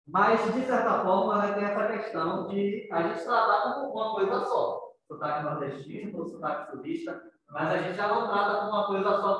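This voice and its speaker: A man's voice: high-pitched, fairly bright tone. A man teaching a class, chatting with his students, asking them questions and often adding "né". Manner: conversational, questions students, frequent tag "né". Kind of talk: interactive writing class on accents. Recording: very echoey room, distant mic.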